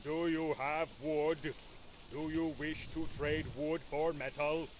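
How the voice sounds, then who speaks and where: A man voicing an odd wooden tree automaton that speaks in slow, flat, simple statements. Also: fairly high pitch, pitched above the performer's own voice. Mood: deadpan.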